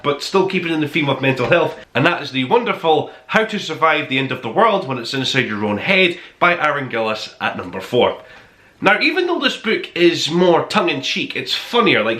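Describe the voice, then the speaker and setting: Bright, pushed and on the high side, the host's voice rings in a reverberant room as he counts down a top five for his review podcast. He addresses listeners in an emphatic, enthusiastic, conversational way.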